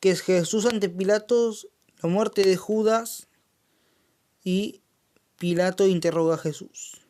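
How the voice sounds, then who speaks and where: A Bible study leader, talking in an unhurried, drawn-out way. The voice is smooth and clear, broken by frequent ums, restarts and amens. It is recorded on a phone held in the hand. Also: mid-range voice, dark tone. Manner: hesitant, full of fillers and self-corrections, says amen often. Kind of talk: informal Bible explanation and reading. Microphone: handheld phone.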